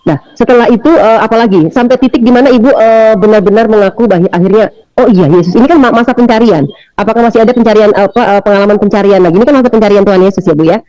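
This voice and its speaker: A man hosting an interview and asking his guest brisk, prompting questions. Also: high-pitched, warm tone, dry recording, low-quality recording. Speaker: interview host.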